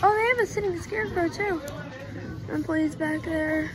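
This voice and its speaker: A woman vlogging a casual walkthrough of a large busy store, rambling and excitable, recorded on a handheld phone. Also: very high-pitched, moderate pace, background noise. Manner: excitable, rambling, easily amazed. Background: loud music and crowd.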